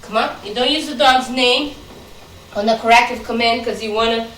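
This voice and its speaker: A woman's voice: fairly high pitch, moderate pace, fairly bright tone, echoey room, far from the mic, slight background noise, poor audio. Woman dog trainer explaining, heard from afar. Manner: patient explaining, firm short commands to a dog. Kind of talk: instructional chat during training.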